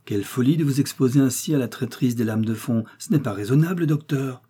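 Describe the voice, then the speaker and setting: Un homme jouant une jeune femme taquine. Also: male voice, mid-range voice, moderate pace, husky, close to an everyday voice. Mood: teasing. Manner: lively, provoking. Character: young woman, teasing and spirited.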